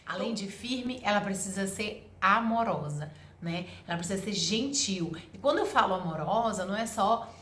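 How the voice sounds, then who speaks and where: A woman's voice: mid-range voice, animated, moderate pace, a bit bright. A woman, giving parenting advice in an earnest, emphatic monologue that explains things step by step. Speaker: parenting educator. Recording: roomy echo.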